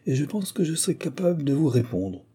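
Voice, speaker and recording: A man's voice: on the low side, brisk, warm tone, slightly rough. A man voicing an eager, self-important young man in an audiobook, speaking in a pompous tone. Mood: earnest. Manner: eager, pompous, then flustered. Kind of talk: audiobook character reading.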